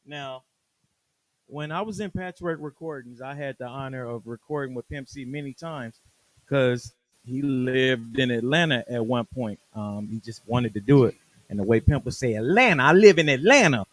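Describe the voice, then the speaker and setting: A man's voice: mid-range voice, normal speed, dry recording. A man hosting a music show, telling a story in a casual way and acting out the voices of the people in it. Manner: animated, acts out quoted voices. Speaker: host. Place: radio studio.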